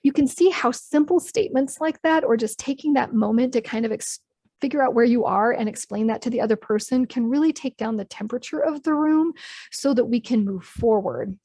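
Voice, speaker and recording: High-voiced woman leading a workshop. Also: brisk, dark tone, no room sound. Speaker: workshop presenter. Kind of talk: live online training talk.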